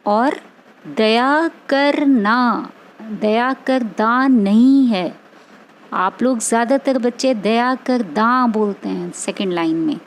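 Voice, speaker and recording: Slow, patient woman music teacher. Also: a little high, rough recording. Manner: patient, corrects pronunciation word by word. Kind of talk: online class lesson on singing a prayer.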